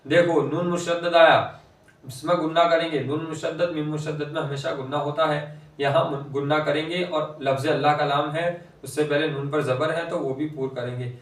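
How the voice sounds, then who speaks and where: A male Quran reading teacher, explaining pronunciation rules and reciting words slowly and drawn out. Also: a little high, steady tone. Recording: echoey room, voice from a distance.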